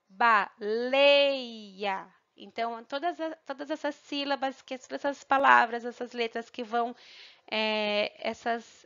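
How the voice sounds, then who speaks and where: A woman teacher giving a recorded lesson, checking in often and sounding out syllables slowly and clearly. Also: on the high side, a bit bright. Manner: patient, checks in with "tá?" and "tá bom?". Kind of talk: recorded online grammar lesson. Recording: muffled lo-fi audio.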